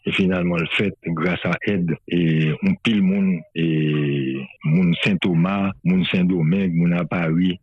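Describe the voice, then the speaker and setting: A man from Haiti with a Haitian accent, a filmmaker speaking as a guest in a radio interview, loose and halting with frequent restarts. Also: low voice, fairly even intonation, breathy edge, dry recording. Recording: dry, slightly muffled radio sound.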